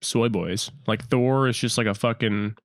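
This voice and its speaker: A man's voice: mid-range voice, normal speed, no echo, studio quality. A man around thirty chatting casually as a podcast guest, laid-back and full of slang. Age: 30s. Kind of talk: casual chat.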